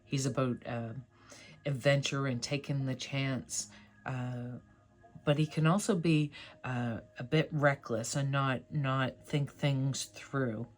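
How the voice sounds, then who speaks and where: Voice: medium pitch, fairly even intonation, slow. A tarot card reader hosting a casual pick-a-card reading, speaking to viewers in an encouraging, affirming and conversational way.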